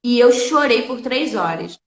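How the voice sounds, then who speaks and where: A woman hosts a live stream and shares a personal faith testimony in a high, bright voice. She speaks earnestly and emotionally, circling back to repeat key phrases. Her voice carries a noticeable echo from the room. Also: expressive, a little slow.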